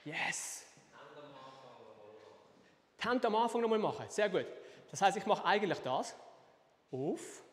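A man's voice: high voice, very animated, measured pace, pauses often, fairly bright tone, in a large hall. A young man teaching a live online dance class, counting beats aloud and scatting the rhythm as he demonstrates. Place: dance studio.

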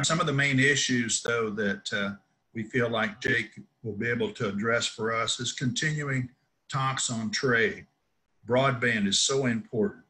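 A man's voice: medium pitch, sharp tone, rough recording. Formal older man announcing over a video call. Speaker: farm organization leader. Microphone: laptop webcam on a video call.

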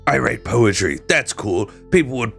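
A man's voice: mid-range voice, animated, moderate pace, gravelly, fairly bright tone, slightly rough, faint music behind, exaggerated voice. A man voicing a lonely, self-deprecating young demon woman in a sulky inner monologue, dubbing a video game. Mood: musing. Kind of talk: improvised video game dub.

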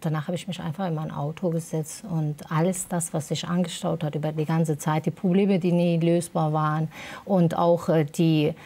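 Woman guest, low gravelly voice, halting emotional testimony. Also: little pitch movement, warm tone. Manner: hesitant, many fillers, emotional retelling. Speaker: interview guest. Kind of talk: personal testimony interview.

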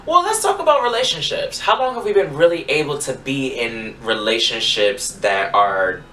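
Twenties man from Maryland, frank and reflective interviewee, bright forceful tone, recorded roomy and off-mic with faint music. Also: medium pitch, moderate pace, a little hiss or hum. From Maryland, USA. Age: 20s. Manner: frank and reflective, animated when arguing. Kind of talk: candid interview answers. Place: room with yellow backdrop. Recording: echoey room, distant mic, faint music.

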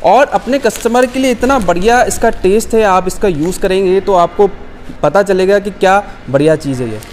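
A man's voice: high-pitched, normal speed, big-room sound, a little hiss or hum. A young man hosting a promotional vlog, upbeat and salesy, talking to viewers as friends in a large warehouse. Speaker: vlogger host.

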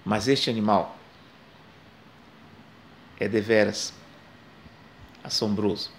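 Older Brazilian man, unhurried legend-teller, lilting emphasis, phone held close, small room. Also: on the low side, fairly even intonation, slight background noise. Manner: slow, dramatic pauses, rising and falling emphasis. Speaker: storyteller. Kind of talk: oral storytelling of a legend. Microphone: phone camera close to face.

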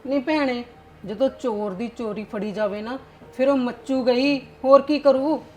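A woman's voice: on the high side, unhurried, soft background music, natural voice. A woman playing a sly scheming aunt. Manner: sly, mock-tearful complaining. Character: scheming middle-aged aunt stirring family trouble. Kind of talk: Punjabi family web drama.

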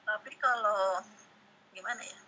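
Breathy, bright-voiced woman student. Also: mid-range voice, fairly even intonation, a little slow, poor audio. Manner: inquisitive, repeats words to practice. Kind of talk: asking questions in an online lesson.

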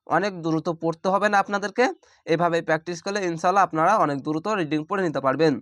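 A man's voice: on the high side, fairly bright tone, dry recording. A young man from Bangladesh with a Bangladeshi Bengali accent, teaching Quran reading by spelling each word letter by letter and drawing out the recited words, recorded close to the mic. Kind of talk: slow spelled-out recitation lesson.

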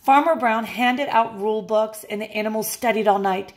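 A woman teacher reading a picture book aloud with expressive, playful storytelling. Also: a little high, normal speed. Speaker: music technology teacher.

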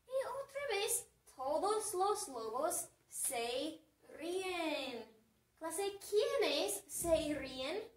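Slow-talking teacher telling a story. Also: female voice, very high-pitched, sing-song, far from the mic. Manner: slow, deliberate and repetitive. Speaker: language teacher. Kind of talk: storytelling lesson with questions to the class. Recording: echoey room, away from the mic.

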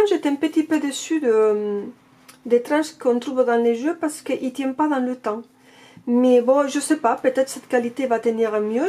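A woman's voice: sits high, dark tone. A woman with a non-native French accent chatting casually as she unboxes and reviews an oracle card deck. She gushes and keeps repeating her praise.

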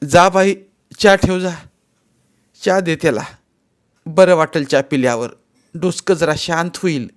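A man voicing a patient old village mother who gently soothes her angry son in a storybook reading. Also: on the high side, measured pace, pauses often, voice pushed up, close to an everyday voice. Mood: soothing. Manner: gentle, coaxing.

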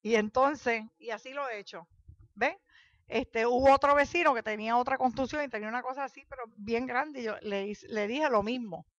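A woman's voice: fairly high pitch, fairly quick, dry recording, muffled recording. A woman in a church class chatting about her experience, with many fillers and retold conversations. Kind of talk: casual testimony in a church class.

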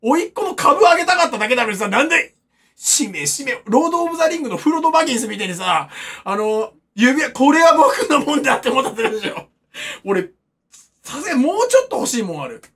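Husky guy in his 30s ranting on stream, high voice that jumps all over. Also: very animated, fast, pushed and bright. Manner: rambling, joking, mocking chat comments. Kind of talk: casual stream chat.

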